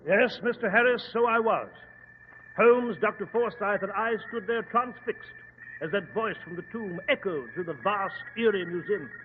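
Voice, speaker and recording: British gentleman doctor, played by a man: high, flustered, loyal sidekick; tinny old radio drama. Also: moderate pace, in a large hall, slight background noise, close to an everyday voice. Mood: reminiscing. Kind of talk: 1940s radio drama acting.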